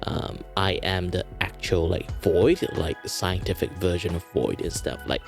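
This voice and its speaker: A man with a low, gravelly voice and steady tone introduces himself as a virtual streamer at normal speed, with music behind him. His delivery is casual, rambling, playful, and hesitant.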